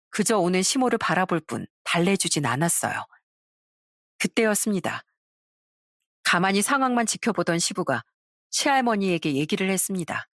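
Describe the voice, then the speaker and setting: A woman's voice: on the low side, dry recording, clean studio sound. A woman narrating a story in a conversational, recounting manner.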